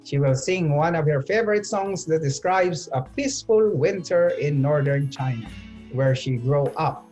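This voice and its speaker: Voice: medium pitch, animated, normal speed, darkish tone, soft background music. A student host introducing the next act in a formal, scripted way.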